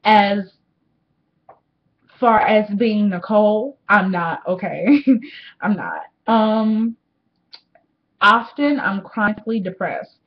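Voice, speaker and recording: An eighteen-year-old woman rambles candidly into a webcam at home, swearing freely as she chats. Her voice sits at a middling pitch. The webcam sound is a little dull and muffled. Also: lively intonation, takes it slowly, pauses often. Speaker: vlogger. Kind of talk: casual diary vlog to camera. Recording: slightly dull webcam audio.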